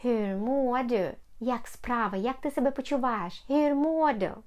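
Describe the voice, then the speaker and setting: A woman gives a beginner language lesson, speaking slowly and saying every phrase twice. Her voice sits fairly high. She models each word with careful pronunciation. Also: darkish tone. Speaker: Swedish language teacher.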